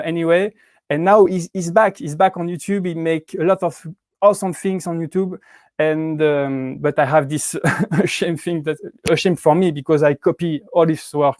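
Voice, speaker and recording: A man in his thirties with a French accent hosts a casual livestream from home. His voice sits a little high for a man. He talks in halting bursts full of restarts and fillers, and the sound is dry and close. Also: darkish tone, no room sound. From Switzerland. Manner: hesitant, many restarts and fillers, laughs often. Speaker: YouTube prop-making channel host. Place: indoors at home with cats.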